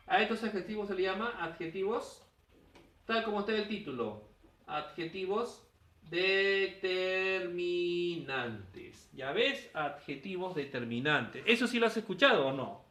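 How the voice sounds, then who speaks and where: A male teacher leads a classroom grammar lesson, firing rhetorical questions at his students and answering them himself. His voice is high, animated, sharp and a little fast. Heard from a distance, it echoes around the room.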